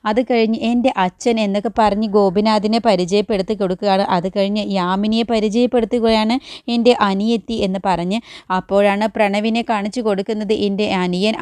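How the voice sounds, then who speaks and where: Clear-voiced woman retelling a serial. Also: mid-range voice, steady tone, brisk, a little mellow, no echo, clean studio sound. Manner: quotes each character's lines directly and tags sentences with a chatty particle. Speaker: serial recap narrator. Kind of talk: casual retelling of a TV serial episode.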